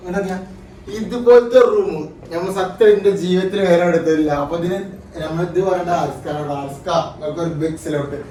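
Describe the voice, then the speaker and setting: A man vlogging casually to viewers, mixing English slang into his Malayalam and excitedly repeating catchphrases. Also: on the high side, fast talker. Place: hotel room and surroundings, on the move. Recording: noisy handheld vlog, ambient background noise.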